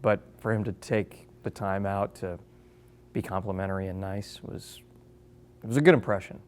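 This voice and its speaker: A man in an interview, speaking haltingly and searching for his words. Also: deep voice, fairly even intonation, darkish tone, slight background noise. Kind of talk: documentary interview.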